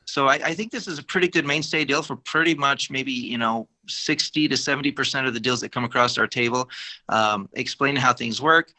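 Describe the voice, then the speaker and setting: A man from a tax deferral firm explaining in a measured, casual way, with many fillers and restarts. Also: medium pitch, pushed and bright.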